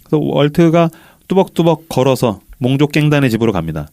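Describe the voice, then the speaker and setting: A man's voice: medium pitch, fairly quick, over loud music. A man hosting a faith podcast, animatedly retelling a film scene by scene and acting out the quotes. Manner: animated storyteller, acts out quotes. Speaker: podcast host.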